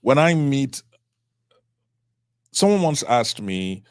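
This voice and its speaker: A middle-aged man from Cameroon, a trial attorney, speaking as a guest in an interview in a measured, reflective way. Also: medium pitch, big pitch swings, dry recording, clean studio sound. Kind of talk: interview conversation.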